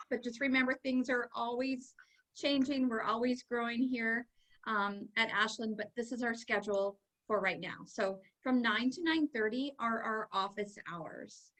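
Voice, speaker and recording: A woman's voice: on the high side, fairly bright tone, rough recording. A woman from Canada, a kindergarten teacher, hosting a virtual back-to-school night for parents in a cheerful, chatty way. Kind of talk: upbeat presentation to parents.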